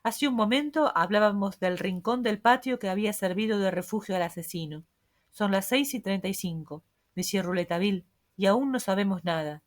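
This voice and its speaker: A woman reading the lines of a stern male court president, speaking gravely and with a threatening edge. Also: mid-range voice, normal speed, natural voice. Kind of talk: audiobook reading.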